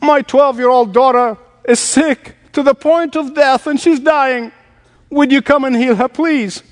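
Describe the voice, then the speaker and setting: A man's voice: very high-pitched, a little slow, big-room sound, voice pushed up. A man voicing a desperate middle-aged father who pleads urgently for help. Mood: pleading.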